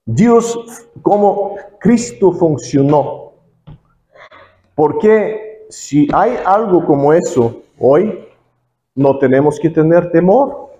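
A man preaching a sermon as an evangelist in a learned language, halting, with many pauses and restarts. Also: on the high side, dark tone, roomy sound, poor audio.

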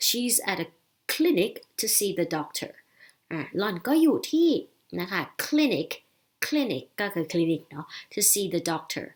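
A Thai woman English teacher with a Thai accent, reading a short story very slowly and then explaining its words in Thai. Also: mid-range voice, very animated, a little mellow. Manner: slow, careful read-aloud with frequent Thai explanations.

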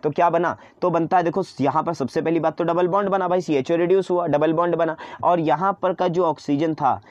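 A man's voice: fairly high pitch, fairly even intonation, fairly quick, no room sound, dull audio. A man teaching an online chemistry lesson in mix, chatty and coaxing, often repeating his own questions to students.

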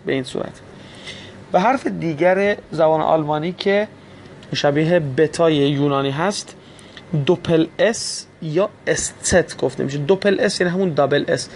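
A man teaching a recorded German lesson, spelling letters slowly, repeating sounds, and speaking to listeners as friends in polite, formal phrasing. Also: on the high side, gravelly, a little mellow, a little hiss or hum.

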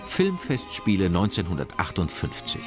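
A man reading scripted documentary narration in a measured, expressive way. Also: low-pitched. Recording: narration over loud music.

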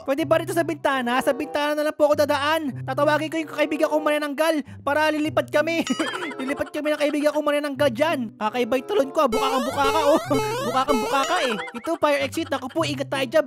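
A woman's voice: sits high, quick pace, over music. A woman giving playful gaming commentary, joking and giggling as she talks to the characters on screen. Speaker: gaming YouTuber.

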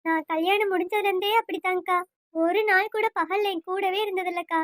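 A woman's voice: extremely high pitch, steady tone, fairly quick, fairly bright tone, dry recording, clean studio sound. A woman voicing a weeping, betrayed young wife. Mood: grieving. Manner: tearful, sorrowful. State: crying.

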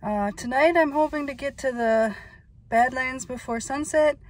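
Her voice is on the high side, and the recording is dry. She's a middle-aged woman from Minnesota making a casual travel vlog on a phone at arm's length, chatty, amused at herself and rambling, speaking from a car and later outside on snowy ski trails while winded by the altitude.

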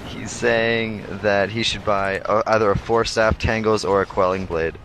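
A man co-commentating a video game match in a laid-back, halting way. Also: fairly low pitch, steady tone, a bit bright, slight background noise, low-quality recording. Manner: laid-back, hesitant with many fillers. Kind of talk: casual esports commentary.

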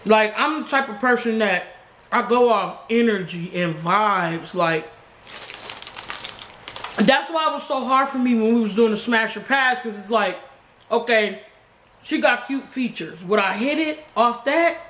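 Expressive and a bit bright, this medium-pitched young adult YouTuber speaks a little slowly while answering questions. He's casual and chatty with blunt slang, recorded in a small indoor living room with roomy sound and background noise.

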